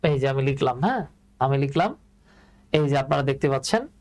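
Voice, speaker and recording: A man's voice: medium pitch, expressive, a little fast, darkish tone, low-quality recording. A man from Bangladesh teaching an online English class, often repeating phrases, quizzing his students and calling them dear.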